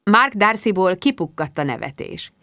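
Lively woman reading an audiobook. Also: mid-range voice, dry recording, clean studio sound. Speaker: audiobook narrator. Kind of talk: first-person audiobook reading.

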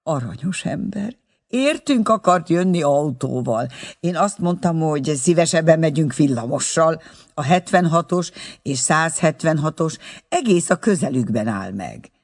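A man's voice: a little high, animated. A man voicing an eager, talkative middle-aged mother in an audiobook reading. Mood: excited. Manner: eager, chatty.

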